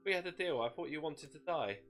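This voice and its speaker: Give it a cackling, bloodthirsty demon acted out by a man, pitched well above a plain voice. It wheedles and mocks in folksy slang, like a storybook villain, with music playing behind. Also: expressive, moderate pace, fairly bright tone. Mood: indignant. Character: gleeful bloodthirsty male demon shade possessing a woman. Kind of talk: dramatic storytelling character voice.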